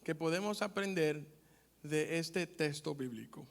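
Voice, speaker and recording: A man preaching a sermon, addressing the congregation directly with numbered points and rising loud when he reads scripture aloud. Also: a little high, unhurried, gravelly. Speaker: pastor.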